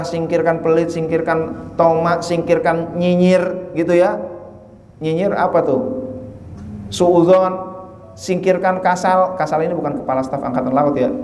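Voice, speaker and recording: A man's voice: fairly high pitch, a little mellow, a little hiss or hum. A man giving a chatty sermon at a study gathering, joking and acting out little dialogues. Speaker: preacher. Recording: echoey hall from far off.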